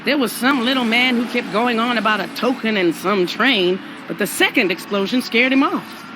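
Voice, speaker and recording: A woman's voice: a little high, normal speed, noisy background, lightly acted. A woman playing a sassy, blunt, grudge-holding ghost of an older mother in a cartoon video game. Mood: irritated.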